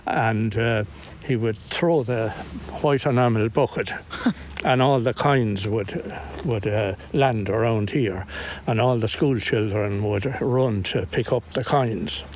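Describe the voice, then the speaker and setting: Slow and lowish in voice, an older Irish man from Inistioge in County Kilkenny reminisces unscripted, sharing local folklore as an interviewee. The outdoor location recording, made in estate grounds, is noisy with clear background sound.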